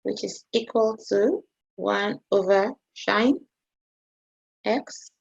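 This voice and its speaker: Slow, gravelly-voiced woman maths teacher. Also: mid-range voice, lo-fi sound. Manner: hesitant, checks in with "okay?" often. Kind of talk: online maths lesson.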